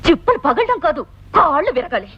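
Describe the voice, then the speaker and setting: A woman's voice: high-pitched, very animated, fast talker. An actress playing a fiery young wife who scolds and hurls insults at her husband. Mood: scolding. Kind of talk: film comedy dialogue. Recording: dull lo-fi film audio with audible hiss.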